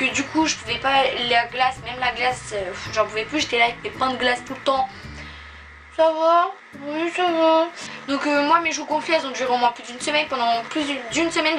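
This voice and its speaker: A young woman with a high voice tells a personal story like a casual vlogger. She is chatty and informal, slipping into little re-enacted exchanges. The mic sits at a distance, and music plays clearly behind her. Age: young adult.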